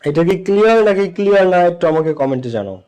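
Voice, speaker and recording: A man's voice: sits high, very animated, very fast, a little mellow, smooth. A man teaching English grammar in an online lesson, speaking. He explains patiently, repeats each sound several times and keeps checking whether students follow.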